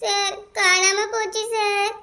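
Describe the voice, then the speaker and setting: Woman voicing a weepy young village wife in a cartoon, super high squeaky voice, wails and begs. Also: flat delivery, slow pace, pushed and bright, exaggerated voice. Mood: tearful pleading. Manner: wailing, pleading. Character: distraught young village wife, tearful and pleading. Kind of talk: cartoon voice acting.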